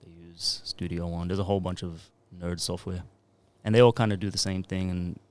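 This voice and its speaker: With a low voice, fairly even intonation and a slightly quick pace, a thirty-something music producer and DJ rambles easily through a casual podcast interview, speaking right into the mic.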